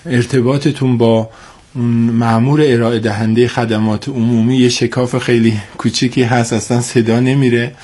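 A man's voice: mid-range voice, level tone, a little mellow. A man with a cold and a congested, stuffy nose, speaking formally and hesitantly as an expert guest in a radio interview, repeating points for emphasis. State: has a cold.

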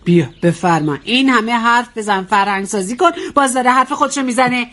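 Woman acting as a quick-tempered old wife, high voice, indignant, snappy. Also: fairly bright tone, natural voice. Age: older.

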